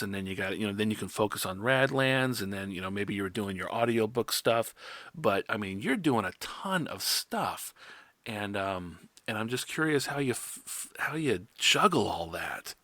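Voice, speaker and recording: A man hosting a casual interview podcast, speaking haltingly and circling back over his phrases. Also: on the low side, expressive, sharp tone, no echo.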